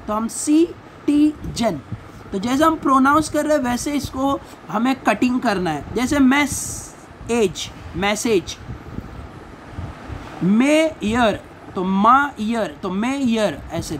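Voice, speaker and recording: High-voiced, slow-talking woman teacher. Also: slight background noise, low-quality recording. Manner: slow, repeats words and spells them out. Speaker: English teacher. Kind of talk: classroom lesson explaining syllables.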